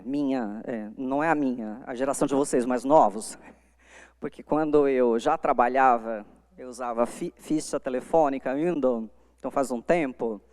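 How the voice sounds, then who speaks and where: A woman's voice: extremely low pitch, a little mellow. A middle-aged woman with a Brazilian accent gives a live lecture on communication to young lawyers, speaking emphatically into a microphone. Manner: emphatic, demonstrative, shifts volume to make points. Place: conference hall before an audience. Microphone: handheld microphone. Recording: long hall reverb.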